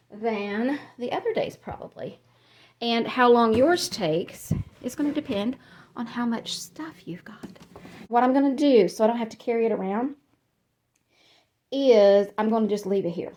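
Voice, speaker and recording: A woman's voice: a little high, darkish tone, a little hiss or hum. Chatty woman vlogging while tidying her house. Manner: chatty, rambling, laughs at herself. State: a little out of breath. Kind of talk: casual decluttering vlog narration. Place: cluttered home, moving between rooms.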